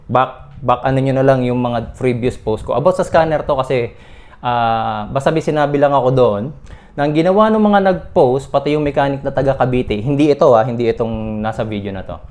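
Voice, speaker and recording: A man's voice: mid-range voice, darkish tone. A mechanic vlogger defending himself in a casual talk to his viewers. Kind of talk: casual vlog rant to viewers.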